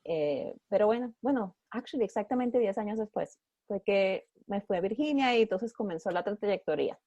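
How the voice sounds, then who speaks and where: A woman from the Dominican Republic, appearing as a podcast guest, chats about her story in a casual interview, often restarting sentences and slipping in English words. Her mid-range voice is expressive and mellow at normal speed, in a dry, slightly muffled recording.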